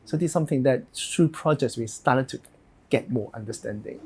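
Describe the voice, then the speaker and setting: A Hong Kong man in his thirties, an architect with a Hong Kong English accent, answers interview questions haltingly, thinking aloud as he goes. His mid-range voice is warm with a breathy edge.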